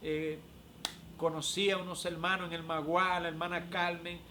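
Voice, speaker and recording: A man tells his religious testimony with emotion, often pausing with "eh". His voice sits high for a man. Faint noise runs behind him. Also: little pitch movement, bright, forceful tone. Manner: emotional, frequent "eh" fillers. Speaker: prophet.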